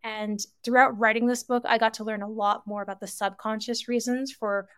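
A woman from Canada, an author guest, telling her story in a lively, chatty way with fillers. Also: fairly high pitch, brisk, clear, resonant tone, no echo, studio quality. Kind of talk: casual interview talk.

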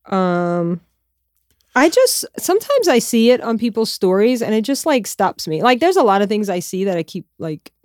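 A woman's voice: medium pitch, very animated, normal speed, darkish tone, no room sound, clean studio sound. A young adult woman from Louisiana, chatting casually with her partner as a co-host, with many fillers and frequent laughter. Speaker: co-host of a family channel. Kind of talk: casual chat.

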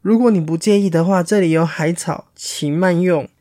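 A man voicing a courteous bird who keeps a line of animals in order, gently scolding them. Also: high-pitched, moderate pace, dry recording, clean studio sound, lightly acted. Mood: polite.

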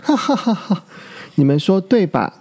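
A man's voice: high voice, animated, measured pace, gravelly, warm tone, pitched above the performer's own voice, full character voice. A man voicing a boastful, smug baby male ankylosaur in a storybook. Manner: smug, bragging.

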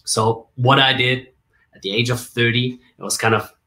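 A man's voice: medium pitch, fairly even intonation, normal speed, bright, forceful tone. A man in his forties from Germany, a communication coach, telling his story in a casual interview with jokes and asides. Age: 40s. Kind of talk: casual interview on a video call.

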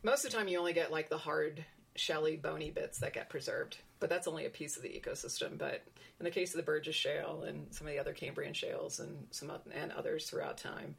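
A woman's voice: sits low, steady tone, fast talker, gravelly, slightly rough. A woman researcher explaining her work in conversation, thinking aloud with frequent restarts and asides.

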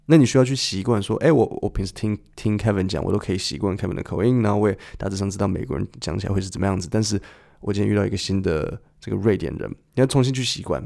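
A man hosts an English listening lesson, explaining clips to his listeners. His voice is low and dark, with a gravelly, creaky edge. He talks conversationally and keeps asking the audience questions. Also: very fast. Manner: patient, conversational teacher who asks listeners questions. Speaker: podcast host and English listening teacher.

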